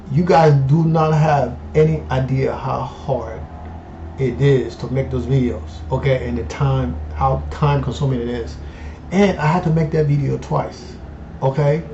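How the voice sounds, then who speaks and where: A man's voice: mid-range voice, mellow. A man in his fifties hosting a casual portfolio update, talking in a chatty way and often tagging on "okay" and "you know". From Colombia. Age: 50s. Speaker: investing channel host. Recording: echoey room, dull lo-fi sound, faint noise.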